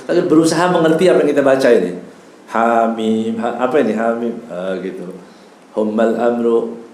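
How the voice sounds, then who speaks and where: A man's voice: medium pitch, a little mellow. A man giving a mosque study talk as an Islamic preacher, explaining Arabic terms in casual speech and often adding a tag word. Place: mosque hall. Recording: echoey room with faint ambience.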